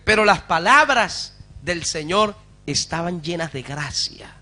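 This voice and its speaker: A man's voice: on the high side, expressive, measured pace, sharp tone. A man, a pastor, preaching a sermon with fervour, calling out to his congregation for responses and asking rhetorical questions.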